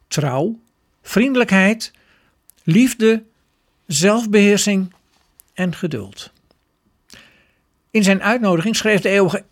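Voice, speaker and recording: A man reading a scripted religious story in a measured, expressive way. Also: sits high.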